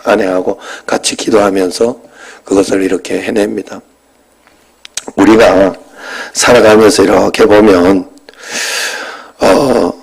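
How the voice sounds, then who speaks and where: Storytelling pastor in a chatty sermon. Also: male voice, medium pitch, rough recording. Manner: conversational storytelling, swings between animated and hushed.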